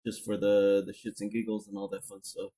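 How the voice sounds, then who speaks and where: A man's voice: on the low side, completely flat delivery, a little fast, warm tone, rough recording. A man casually chatting on a live game stream from his home computer, rambling with lots of fillers as he talks to chat and a friend. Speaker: gaming streamer. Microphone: desk mic.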